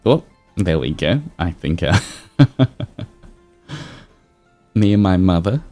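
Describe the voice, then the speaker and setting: Reading fan fiction aloud on his stream, this low-voiced, mellow host goes slowly, his pitch playing around with lively amusement. Background music accompanies his expressive reading and casual chatter.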